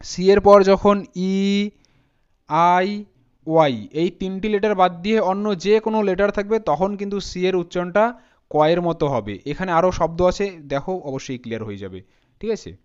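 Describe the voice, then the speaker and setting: A man's voice: high-pitched, expressive, brisk, clear, resonant tone, lo-fi sound. A man teaching English pronunciation as a spoken lesson, patiently spelling words out letter by letter.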